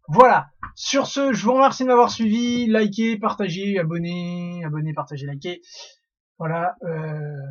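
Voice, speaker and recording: A man's voice: sits high, slightly rough, muffled recording. A young man hosting a casual theory monologue, rambling with many fillers and restarts. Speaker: YouTube theory host.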